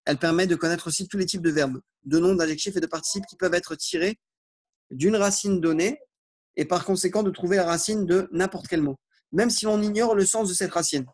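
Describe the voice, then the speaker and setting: A man giving an online Arabic lesson in French, reading phrases aloud slowly and then explaining them informally. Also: high-pitched. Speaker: Arabic teacher.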